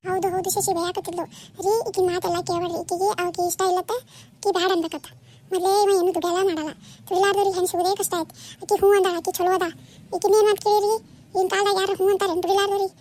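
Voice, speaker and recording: A nagging cartoon mother, played by a woman, scolds in rapid North Karnataka Kannada. Her voice sits very high and barely rises or falls, rattling along at speed. The tone stays soft and mellow. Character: scolding mother of two grown daughters. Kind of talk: cartoon voice acting.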